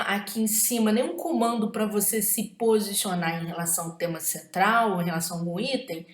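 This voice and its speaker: A woman's voice: mid-range voice, reverberant. A woman with a Brazilian Portuguese accent gives an exam-prep writing lesson, emphatic and often checking in with tag questions.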